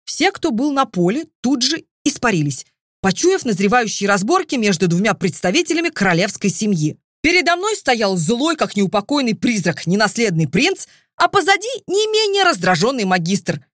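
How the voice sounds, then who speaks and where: Lively woman reading a fantasy audiobook. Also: fairly high pitch, moderate pace, no echo, studio quality. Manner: lively, expressive storytelling. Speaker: audiobook narrator. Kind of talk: first-person fantasy audiobook narration.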